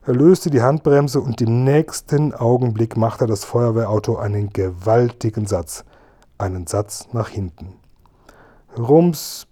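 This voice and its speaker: A man narrating a children's storybook in a steady storytelling cadence. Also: on the low side. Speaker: audiobook narrator.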